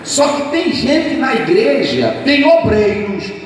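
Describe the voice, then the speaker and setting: A man's voice: very high-pitched, slow pace, a little hiss or hum. A man with a Brazilian accent preaching a sermon as pastor, telling stories and acting out the dialogue in the voices of different people. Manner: animated storyteller, acts out dialogues. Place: church hall. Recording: echoey hall from far off.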